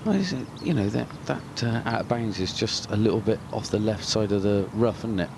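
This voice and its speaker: A man's voice: lowish voice, fairly quick, gravelly, background noise. A man working as a golf commentator, giving casual live commentary in chatty, colloquial phrases full of exclamations.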